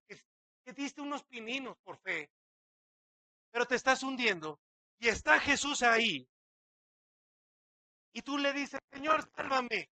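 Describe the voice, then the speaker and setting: A man's voice: very high voice, sharp tone, no room sound. A man, a pastor preaching a sermon dramatically, acting out quotes and asking many rhetorical questions.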